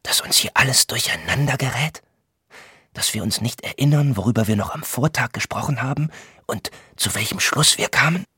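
A man voicing an anxious man who confides in hushed, urgent whispers, in an audiobook reading. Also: mid-range voice, expressive, moderate pace, husky, no room sound, studio quality, voice pushed up, heavily acted. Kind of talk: audiobook character voice.

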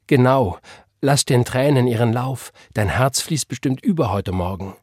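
A man voicing a gentle, pious churchwoman who speaks in a soft, comforting way. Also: medium pitch, normal speed, slightly rough, no echo, clean studio sound, pitched above the performer's own voice, lightly acted.

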